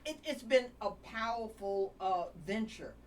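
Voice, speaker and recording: A woman's voice: mid-range voice, animated, a little slow. A woman co-hosting a live radio talk show, enthusiastic with rhythmic, rhyming phrasing. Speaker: radio co-host. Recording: distant mic, faint noise.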